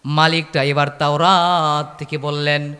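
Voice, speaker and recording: A preacher tells a story in a chanted, repetitive sermon style. His voice sits fairly high for a man. It carries the long reverb of a sermon hall sound system. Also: level tone, takes it slowly, bright, forceful tone, clear, resonant tone. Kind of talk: Bengali waz sermon storytelling.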